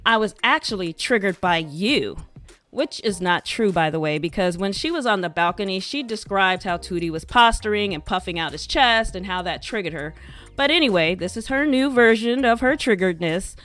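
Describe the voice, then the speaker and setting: Woman doing a reality show gossip recap, chatty and wry, average pitch, little bit of music under her. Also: animated, fairly quick, a bit bright. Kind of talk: scripted gossip recap narration.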